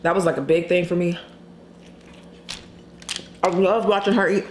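A woman vlogger chatting candidly while eating on camera, pausing to chew and hum over her food. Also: lowish voice, fairly even intonation, darkish tone. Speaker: mukbang vlogger. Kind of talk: casual mukbang chat while eating. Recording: echoey room, faint background noise.

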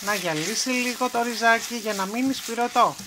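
A woman's voice: on the high side, heavy background noise. A woman presenting a home recipe in a kitchen, explaining each step in a homely, chatty way. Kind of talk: cooking tutorial narration.

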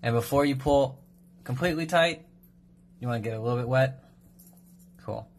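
A man in his thirties giving a brisk, upbeat step-by-step tutorial on fishing knots, recorded on a phone at a kitchen sink. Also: medium pitch. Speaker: fishing knot instructor.

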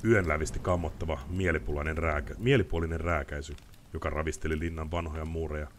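Rumbling low, this man's voice brings a novel to life as he reads aloud on a live stream, mixing lively audiobook-style reading with casual asides. A little hiss or hum is audible.

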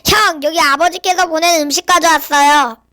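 Woman as earnest high-voiced young shepherd boy. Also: fairly even intonation, moderate pace, sharp tone, dry recording, studio quality. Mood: eager, questioning. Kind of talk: children's Bible play acting.

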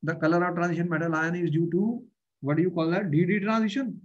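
A middle-aged man with a North Indian accent and a notably high voice tutors over a video call. He repeats key phrases and keeps checking with questions. The sound is slightly dull and muffled. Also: steady tone, fast talker. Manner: repetitive, questioning, often addressing the learner. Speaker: chemistry teacher. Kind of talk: online tutoring lesson. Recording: dull, muffled online-class audio.

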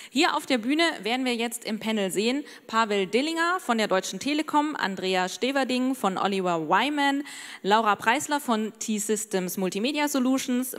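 A woman in her thirties announcing a conference panel from the stage with a handheld mic, in an upbeat presenting manner. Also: mid-range voice. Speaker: event announcer. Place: conference stage in a large hall. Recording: long reverb of event hall.

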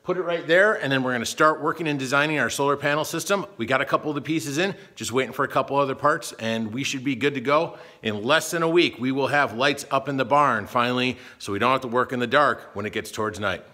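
Bright-voiced man vlogging in a barn. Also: medium pitch, fast talker, hardly any pauses. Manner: chatty, self-deprecating, working while talking. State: hot and sweaty. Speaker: homestead vlogger. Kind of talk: casual DIY vlog. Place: large metal barn, indoors. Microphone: camera at arm's length.

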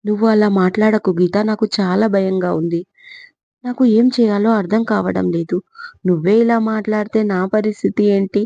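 A woman's voice: mid-range voice, fairly even intonation, moderate pace, warm tone, dry recording, lightly acted. Lady doing a scared frantic mom, pleading, dry close recording. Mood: frightened. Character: anxious middle-aged mother, panicking. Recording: slightly dull lo-fi recording.

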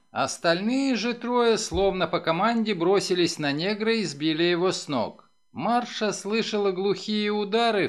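Man reading an audiobook, dramatic, high-ish voice, pitch all over the place. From Ukraine. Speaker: audiobook reader. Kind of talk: scripted narration of a novel.

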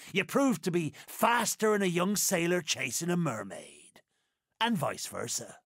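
A man voicing a sly, grandly courteous pirate captain in a video game, gravelly, with theatrical, drawn-out archaic pirate speech. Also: fairly high pitch, a bit bright, no echo, clean studio sound, heavily acted. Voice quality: gravelly, creaky. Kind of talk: video game character voice lines.

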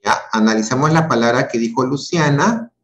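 A man's voice: mid-range voice, moderate pace, fairly bright tone, echoey room, lo-fi sound, a little hiss or hum. A male teacher giving an online class, patiently questioning and repeating his students' answers. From Peru. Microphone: video call.

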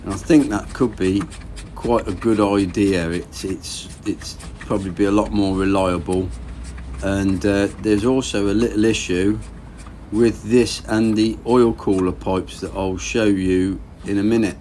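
There's slight background noise as a thirtysomething man narrates his boat engine rebuild in the garage, speaking a little slowly in a fairly low voice. He's relaxed and plain-spoken, thinking aloud as he works.

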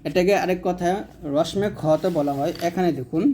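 Male teacher with a Bangladeshi Bengali accent, slightly high voice, slow and deliberate, drawn-out example words. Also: mellow, slight background noise. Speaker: Quran reading teacher. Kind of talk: recorded lesson.

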